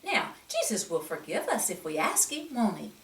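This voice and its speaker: With huge pitch swings in a mid-range voice, a woman reads a picture book aloud to young children at a moderate pace. She's expressive, exclaims, and keeps asking the listener questions; the mic is distant and the room echoey.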